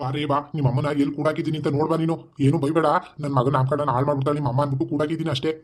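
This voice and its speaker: A man voicing a fearful, scheming son-in-law in an animated comedy, pleading in a flat rapid way. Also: fairly high pitch, close to an everyday voice. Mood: harried.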